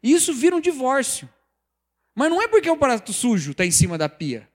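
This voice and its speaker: A man preaching a sermon, lively and conversational, acting out the quoted voices of people he talks about. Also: extremely high pitch, fairly quick. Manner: animated, acts out quoted voices, mocking examples. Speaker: pastor or preacher.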